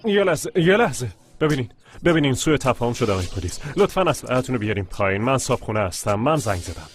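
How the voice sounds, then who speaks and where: A man's voice: medium pitch, big pitch swings, natural voice. A man dubbing a film role as an indignant, argumentative man who insists the house is his. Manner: protesting, insistent. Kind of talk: dubbed film dialogue. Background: music.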